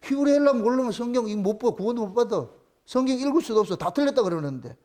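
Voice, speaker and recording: A man's voice: very high voice, animated, quick pace, a little mellow. A male pastor with a Gyeongsang Korean accent, preaching a sermon in an emphatic, mocking way, full of rhetorical questions.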